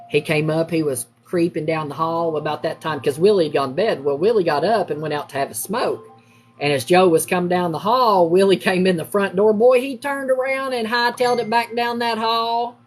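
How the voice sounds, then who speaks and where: A middle-aged woman, chatting casually with livestream viewers while she crafts and telling family stories in a lively, animated way. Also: moderate pace, slightly rough, faint music behind. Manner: lively, acts out quoted family members with big pitch jumps.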